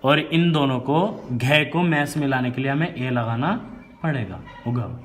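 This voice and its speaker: A man's voice: mid-range voice, a little slow, slight background noise. A man teaching a spelling lesson who keeps quizzing his student, repeating each answer and checking "right?". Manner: adds frequent "right?" check-ins.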